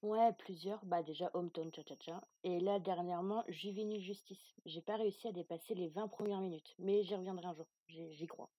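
A woman guest on a podcast, answering questions candidly, quickly and in a relaxed way. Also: fairly low pitch. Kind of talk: casual interview answers.

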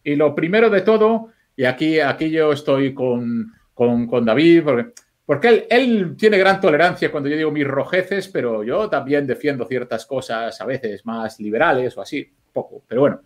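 A man's voice: medium pitch, lively intonation, moderate pace. A man, a film editor talking casually as a podcast guest, telling loose, swear-filled stories with many restarts. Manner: loose, swearing storyteller, thinks aloud with restarts.

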